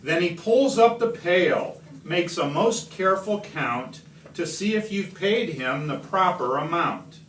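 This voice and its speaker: A man reading a rhyming picture book aloud to children, expressively, with deliberate, dramatic pauses. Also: fairly high pitch, lively intonation, fairly bright tone. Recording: roomy, distant home video with slight noise.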